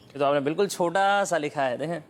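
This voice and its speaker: A Quran teacher leading a children's recitation lesson, patiently quizzing the pupils and slowly modelling each sound. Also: mid-range voice.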